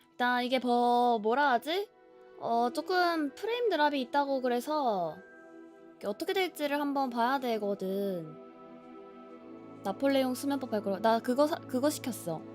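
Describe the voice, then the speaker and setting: A woman live streamer chatting casually before a game, with a cutesy, playful, expressive anime-streamer manner. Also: on the high side, measured pace, faint music behind. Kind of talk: casual livestream chat before playing a game.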